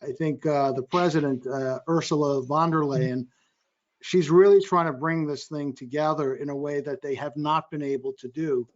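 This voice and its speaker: A fairly high-voiced man talks as an investor on a panel, quick and energetic, often breaking into his own sentences. The audio is dull and lo-fi, as from a video call. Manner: energetic, quick, self-interrupting. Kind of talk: panel discussion.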